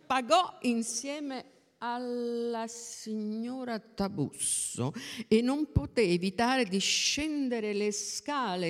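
A reader narrating a novel in an expressive, unhurried manner. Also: mid-range voice. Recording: long reverb.

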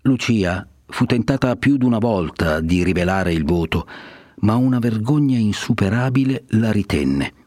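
A man reads a classic novel aloud in a low voice, steady and literary. The recording is close and dry, with nothing behind him. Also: moderate pace, no room sound. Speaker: narrator.

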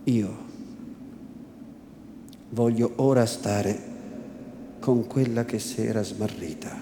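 Attore nei panni di un vescovo anziano e solenne, parlata lenta, sala con eco. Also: male voice, medium pitch, voice pushed down, lightly acted. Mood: gentle. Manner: solemn, calm, slow and deliberate. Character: solemn elderly male bishop, gentle and humble. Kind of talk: theatrical literary reading. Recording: echoey room with background noise.

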